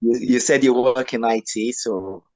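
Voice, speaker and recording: A man from Nigeria co-hosting a radio interview on a video call, talking in a relaxed way with many hesitations. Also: medium pitch, unhurried, low-quality recording. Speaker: radio co-host. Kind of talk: casual interview chat.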